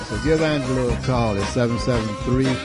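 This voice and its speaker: Steady man over music. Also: medium pitch, a little fast. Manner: steady, precise, self-correcting. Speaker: co-host. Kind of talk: reading ads on air.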